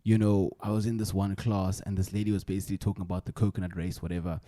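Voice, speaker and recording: Young south african guy hosting a podcast, lowish voice, slangy, repeats himself, dry close sound. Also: level tone, quick pace, mellow, no room sound. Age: young adult. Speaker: podcast host. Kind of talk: casual chat.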